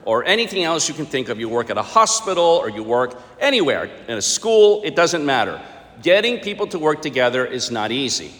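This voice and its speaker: Male priest giving a homily, slightly high voice, big echoey cathedral reverb. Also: a bit bright. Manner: plain-spoken, rhetorical questions and repetition. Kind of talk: homily with Gospel reading. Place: large church during Mass. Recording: long cathedral echo, large church.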